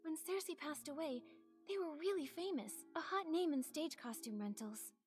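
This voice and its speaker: A woman's voice: high-pitched, lively intonation, normal speed. A young woman voicing an earnest, curious game heroine who reasons things through aloud. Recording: game audio with faint music.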